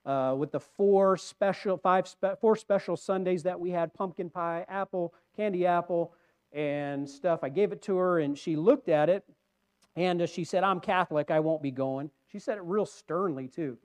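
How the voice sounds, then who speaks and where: Male pastor, sermon, high and smooth voice, earnest, shifts loud to soft. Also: normal speed. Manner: earnest preaching, swings from loud emphasis to quiet. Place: church.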